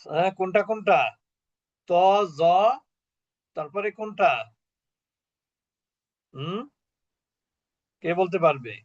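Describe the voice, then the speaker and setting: A man's voice: high-pitched, a little slow, long pauses, lo-fi sound. A man teaching a Quran recitation class over a video call, explaining patiently and asking the class questions.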